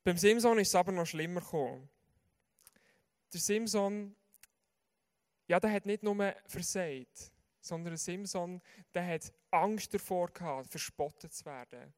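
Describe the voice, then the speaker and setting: Swiss German preacher with a higher voice. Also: male voice, measured pace. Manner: earnest, speaks straight to the listeners with questions. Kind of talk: sermon.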